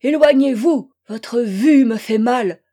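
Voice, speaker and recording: A jealous young wife pours out her despair in a high, raised voice, as a woman reading an audiobook puts her on. Her pleas come slowly and loudly. Her tone stays mellow and soft-edged rather than sharp, with the heat of a dramatic storybook reading. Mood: frantic. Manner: impassioned, loud and pleading.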